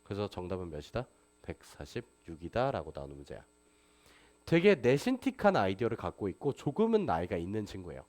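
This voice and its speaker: A man's voice: fairly low pitch, wildly swooping pitch, brisk, a little mellow. A man teaching a math class, lecturing and constantly asking his students rhetorical questions. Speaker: math tutor.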